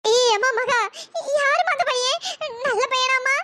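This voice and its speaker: A voice actor playing a caring, worried old grandmother in a cartoon story, with a pitch-raised processed voice. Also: moderate pace, bright, forceful tone. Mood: fretful. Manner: soothing, worried, coaxing.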